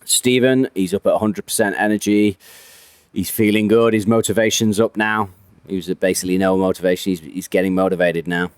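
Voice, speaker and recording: A man with a lowish, smooth and resonant voice talks through a racing game in a loose, chatty way. He rambles and corrects himself as he goes. The sound is dry and close. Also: fairly even intonation, a little fast, dry recording. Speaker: game commentator. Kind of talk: casual gameplay commentary.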